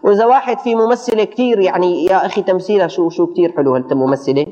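A man giving a colloquial religious lesson, animated, often stumbling and repeating words for emphasis. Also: high voice, very fast. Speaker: religious teacher. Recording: dull audio with long hall reverb.

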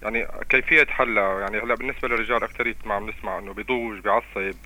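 A man's voice: on the low side, fairly even intonation, racing, pushed and bright, low-quality recording. A man calling a radio show, speaking earnestly and hesitantly with many fillers. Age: 30s. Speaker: caller.

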